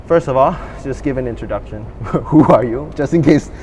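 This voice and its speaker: Casual podcast host guy, easy questions, a bit of background noise. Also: medium pitch. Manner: friendly, loose, halting questions. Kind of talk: casual interview while shooting around. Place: indoor basketball court.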